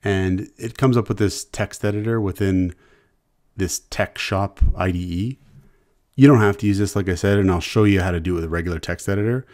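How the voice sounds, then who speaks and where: Low, mellow Canadian man lecturing. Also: a little fast. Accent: Canadian English. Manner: relaxed, conversational explaining with repeated restarts. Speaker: university instructor. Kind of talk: screencast lecture.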